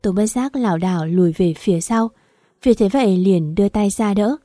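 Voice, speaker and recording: Woman narrator, scripted first-person story, steady reading, mellow tone, dry recording. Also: medium pitch, fairly quick, dry recording.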